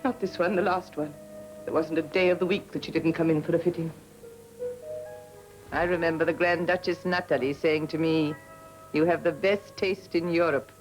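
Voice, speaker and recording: A woman's voice: deep voice, fairly even intonation, moderate pace, lightly acted, poor audio. A woman playing a weary, proud old couturière. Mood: weary, wistful. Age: older. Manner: weary, wistful and regal. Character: tired aging couturière, proud and lonely. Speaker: aging fashion house owner. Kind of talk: 1950s film acting. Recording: old film soundtrack with music.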